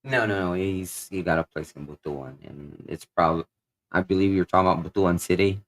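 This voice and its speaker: Co-hosting a casual livestream, a man from the Philippines with a Kapampangan accent reads out viewer comments fairly quickly in a lowish voice. He's easygoing and meandering, leaning on "um" and "you know what I'm saying" often.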